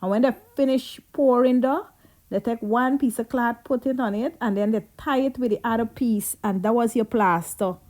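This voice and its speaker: A Guyanese woman reminisces in a casual, chatty vlog. Her voice sits fairly high but sounds mellow and warm. She drifts into Creole phrasing as the stories pick up. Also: moderate pace. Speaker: vlogger. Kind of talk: casual storytelling.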